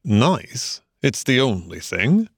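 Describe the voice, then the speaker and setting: A man's voice: mid-range voice, very animated, normal speed, vocal fry, no room sound, clean studio sound, voice pushed up. A man reading a storybook aloud, voicing a genial, dreamy male water rat who speaks solemnly and enthusiastically.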